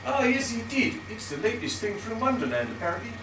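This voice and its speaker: A man's voice: very high-pitched, sing-song, quick pace, exaggerated voice. A man playing a daft, easily indignant pantomime character with broad, theatrical comic patter. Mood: matter-of-fact. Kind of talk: broad amateur pantomime stage acting. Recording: echoey noisy stage from far off.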